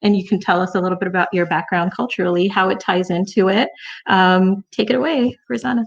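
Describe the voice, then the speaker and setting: A woman hosts a casual cook-along from her home kitchen over a video call. She talks in a warm, rambling way, with plenty of fillers and religious phrases. Her voice sits in a middle pitch, and the audio is slightly muffled. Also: steady tone, brisk, vocal fry. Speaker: host.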